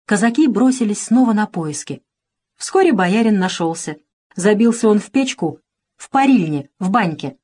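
Женщина размеренно и драматично читает по тексту исторический сказ. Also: female voice, mid-range voice, lively intonation, darkish tone. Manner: dramatic, measured storytelling. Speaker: storyteller. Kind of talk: scripted narration of a historical tale.

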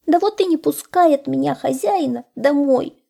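A woman voicing a timid little male hare who pleads and laments in a high, plaintive voice. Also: a little slow, gravelly, warm tone. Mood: lamenting.

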